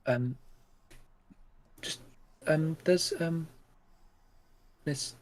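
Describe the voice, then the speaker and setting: A man playing a tabletop role-playing game, improvising dialogue in a halting, hesitant way. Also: a little high, a little mellow, a little hiss or hum.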